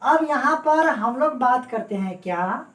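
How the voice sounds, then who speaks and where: A woman with a high-pitched voice and lively intonation gives an exam-prep classroom lecture on Hindi grammar at a measured pace. She repeats her points, keeps checking her students are with her, and speaks to them warmly. She's far from the mic, and the room's echo is noticeable.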